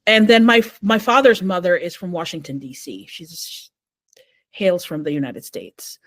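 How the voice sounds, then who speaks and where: A middle-aged novelist and mother from Metro Manila in the Philippines appears as a podcast guest in a casual interview, chatting easily and warmly while telling family stories with many fillers. Her voice is on the low side and expressive, at a moderate pace, in a dry recording.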